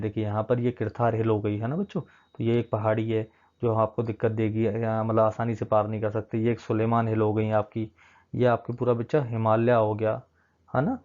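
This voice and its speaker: A man's voice: on the low side, level tone, fairly quick, darkish tone. A male teacher giving a recorded classroom lecture to children, walking through a map and often checking in with them, mixing English terms into his explanations. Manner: coaxing, keeps checking in with the children. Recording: dull lo-fi sound.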